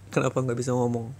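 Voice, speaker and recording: A man's voice: mid-range voice, a little mellow, a little hiss or hum, lightly acted. A young man voicing a bitter boyfriend in an ASMR boyfriend role-play, scolding his toxic ex over and over in a heated voice. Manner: heated, reproachful, repetitive scolding.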